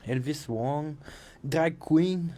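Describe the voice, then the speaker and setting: A man's voice: on the high side, drawn-out words, background noise. A man with a Québécois French accent, a rapper chatting casually on a livestream and freestyling, rambling and swearing often.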